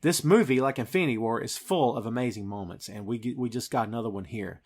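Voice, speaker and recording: A podcast host eagerly recaps a film scene by scene in casual chat, laughing as he goes. His mid-range voice is fast and darkish, full of enthusiasm.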